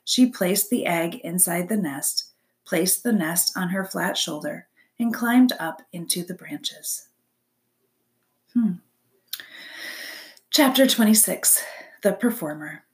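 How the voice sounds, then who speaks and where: A woman reading a chapter book aloud as a storyteller, expressive and dropping to soft whispers for suspense. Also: fairly low pitch, slow, pauses often. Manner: expressive, drops to soft whispers for suspense, asks listeners questions.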